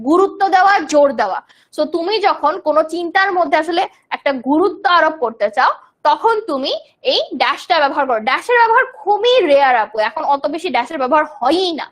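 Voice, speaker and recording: A young woman from Bangladesh leads a live online English grammar class. Her voice sits high and clear. She explains each term patiently and answers students' comments as they come in. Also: a bit bright. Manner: explains terms in Bengali, reads student comments aloud.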